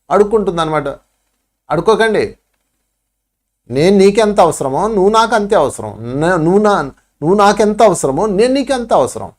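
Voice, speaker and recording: A man with a Telugu accent giving a spiritual talk, acting out pleading voices to make his points. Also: a little high. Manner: preachy, acts out pleading voices. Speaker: spiritual teacher.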